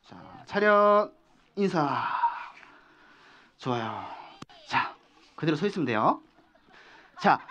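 A man's voice: on the high side, muffled recording. A young man hosting an outdoor magic show like a kids' party magician, coaxing children with simple instructions over a headset mic, with music behind. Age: young adult. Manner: animated, coaxing, often calling out loudly to the crowd. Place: outdoor park performance before seated children.

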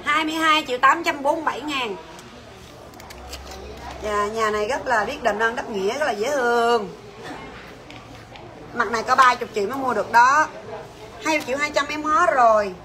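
Bright, high-voiced saleswoman. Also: moderate pace, pauses often. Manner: chatty, bossy and teasing, calls out prices and staff names. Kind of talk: livestream sales pitch.

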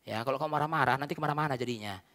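A man's voice: mid-range voice, very fast, fairly bright tone, lightly acted. A man pastor quoting God as he scolds an angry man with stern questions, in a reverberant church. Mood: rebuking.

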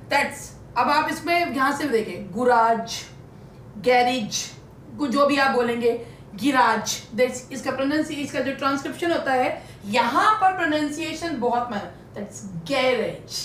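A woman teacher giving an exam-prep lesson, drawing out English words slowly. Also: fairly bright tone. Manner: says English words slowly and stretches them out. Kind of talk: online lesson in Hindi and English. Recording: echoey room, faint rumble.

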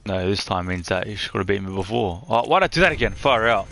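A young man streaming live from his room on a headset mic, chatting excitedly as he opens game loot. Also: on the low side, fast, vocal fry, a little hiss or hum. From Australia.

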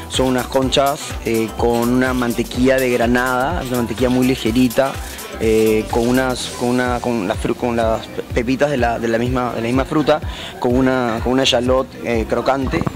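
A young man from Argentina raised in Peru, a restaurant owner explaining his dishes in a hesitant way with many restarts, into a handheld mic. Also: medium pitch. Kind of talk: casual interview. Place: indoor restaurant, seated at a table. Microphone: host's handheld mic.

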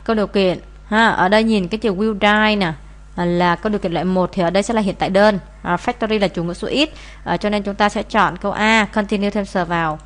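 A woman's voice: medium pitch, fast. Woman, english teacher, explaining answers, lots of fillers. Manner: frequent "à" fillers, steady explaining.

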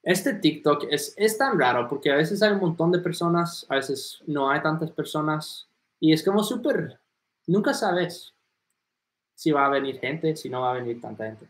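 A man's voice: on the high side, lively intonation, moderate pace. A man teaching English on a livestream, greeting viewers by name and moving between Spanish and English. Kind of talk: live Q&A, reading viewer comments. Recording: echoey room.

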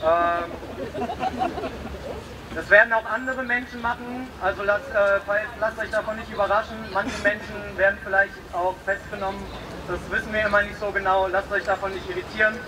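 A man with a high voice, fairly even intonation and moderate pace speaks informally through a megaphone at a street protest, with many hesitations. He's at an outdoor street blockade, captured from afar amid street noise.

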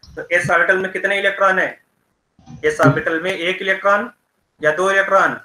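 A man teaching chemistry in an online class, explaining slowly and checking in with his students often. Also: high-pitched, steady tone, sharp tone, reverberant, rough recording.

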